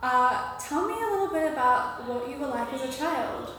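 A woman hosts a podcast, asking easygoing questions and affirming her guest. Her voice sits fairly high. The room is echoey with a long reverb tail and a faint hiss. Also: animated, moderate pace, fairly bright tone. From Australia. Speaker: podcast host. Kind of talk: casual interview questions.

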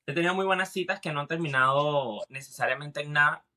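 A man with a Venezuelan accent trades jokes in a relaxed podcast chat among friends. His voice is bright and forward, and he keeps cutting in with quick quips. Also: on the high side. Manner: quick, joking interjections and playful put-on voices. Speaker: podcast co-host.

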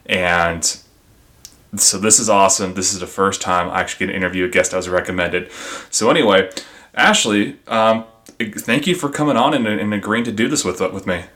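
Bright, forceful male podcast host. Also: sits low, fairly quick. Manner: informal, addresses listeners as guys. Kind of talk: conversational podcast hosting.

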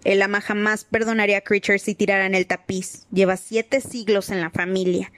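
A woman's voice: medium pitch, little pitch movement, moderate pace, no room sound, close to an everyday voice. A woman voicing an old male house-elf servant who mutters resentfully and talks about himself in the third person, in an audiobook reading. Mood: bitter muttering.

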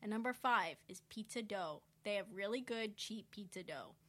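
A woman's voice: medium pitch, expressive, moderate pace, sharp tone. A young woman who is a podcast guest, chatting casually and giggling, with a lot of fillers. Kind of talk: casual chat.

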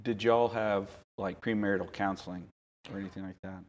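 A man's voice: deep voice, steady tone, fairly quick. A man casually interviewing family, tentatively rephrasing his questions as he goes. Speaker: interviewer, son of the couple.

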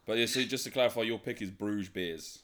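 A man's voice: on the low side, brisk, fairly bright tone. A British man in casual podcast banter, blunt, teasing and freely swearing, as a co-host.

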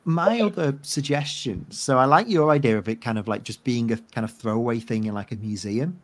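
Chatty rambling man, mid pitch. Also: fairly quick. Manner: rambling, many "like" fillers, excitable. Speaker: podcast co-host. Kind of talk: casual chat.

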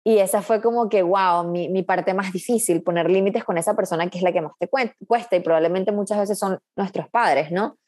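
A woman's voice: medium pitch, brisk, hardly any pauses, a little mellow. A woman coach, a guest in a casual interview, talking in an earnest, reflective way with frequent restarts.

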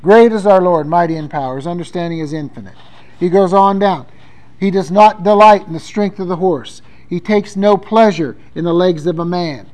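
A man's voice: high-pitched, normal speed, darkish tone, poor audio. A male pastor delivering a sermon, talking conversationally and reading scripture aloud with emphasis.

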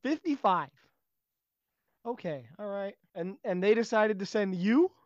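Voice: medium pitch, lively intonation, measured pace, no echo, dull audio, lightly acted. A performer playing an impatient, mocking drill officer who scolds cadets. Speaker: officer in a comedy skit.

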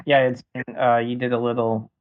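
A man hosting a casual interview, relaxed and rambling with frequent "um" and restarts. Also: mid-range voice, normal speed, narrow, tinny audio. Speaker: podcast host.

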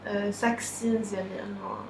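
A woman's voice: mid-range voice, little pitch movement, moderate pace, a little mellow. A woman with a Lebanese Arabic accent casually telling a personal story, mixing English words into her Arabic. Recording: echoey room, faint background noise.

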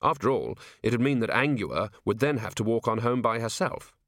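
Guy reading an audiobook, steady storyteller, medium voice, super dry. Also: mid-range voice, no echo. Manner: measured storytelling delivery. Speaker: audiobook narrator. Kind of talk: scripted narration.

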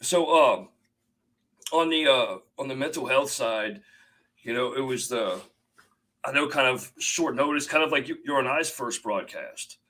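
A man's voice: medium pitch, lively intonation, a bit bright, low-quality recording. A man hosting a live video-call show, chatting casually and repeating words as he gathers his thoughts. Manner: halting, repeats words while thinking aloud. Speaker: livestream show host. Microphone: computer mic on video call.

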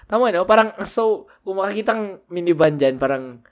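A man's voice: high voice, lively intonation, normal speed. A man chatting as a podcast co-host, curious and full of questions, laughing easily. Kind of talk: casual chat.

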